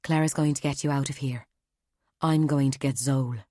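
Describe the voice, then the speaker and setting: A woman's voice: rumbling low, steady tone, moderate pace, mellow, dry recording, studio quality. A woman voicing Nonna, a fierce, stubborn young novice who speaks in an insistent, determined way in an audiobook. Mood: urgent. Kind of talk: audiobook character voice.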